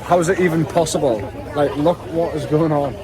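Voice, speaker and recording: Excitable Geordie man vlogging outdoors. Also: fairly high pitch, fairly quick, a crowd in the background. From North East England. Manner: chatty, excitable, swears and laughs. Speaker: travel vlogger. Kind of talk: casual travel vlog. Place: outdoors, by the sea and on boats.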